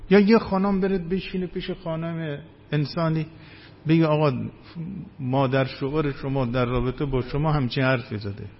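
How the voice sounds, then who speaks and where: Guy preaching a sermon, kinda high voice, measured, dull lo-fi recording with a bit of hiss. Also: steady tone. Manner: measured preaching, rising and falling emphasis. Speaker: cleric. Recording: dull lo-fi recording with faint ambience.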